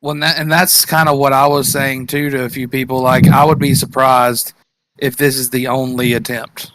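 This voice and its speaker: A man's voice: medium pitch, little pitch movement, moderate pace, a bit bright, low-quality recording. A man co-hosting a political talk show, chiming in with brief casual remarks.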